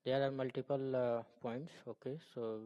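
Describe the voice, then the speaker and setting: A man with an Indian accent explaining informally as a tutor, halting and repeating himself, often checking with "okay?". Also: flat delivery, lo-fi sound. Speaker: programming tutor. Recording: boomy, long room reverb.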